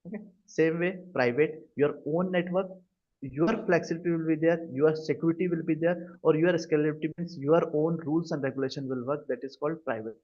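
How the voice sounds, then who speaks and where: His voice sits a little high, with fairly even intonation and a fairly quick pace. He's a cloud computing instructor with an Indian accent teaching a live class over a video call, often asking short questions to confirm understanding, all captured in dull, lo-fi audio.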